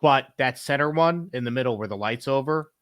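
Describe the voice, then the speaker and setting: An enthusiastic man in casual stream chat. His voice is mid-pitched with a bright, forward edge. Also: brisk, dry recording, studio quality.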